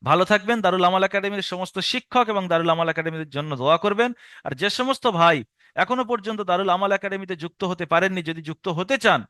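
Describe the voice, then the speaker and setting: A man teaching Quran reading in a recorded online lesson, spelling letters out slowly and chanting the rules quickly by rote. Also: high-pitched, bright, forceful tone, no echo, clean studio sound. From India.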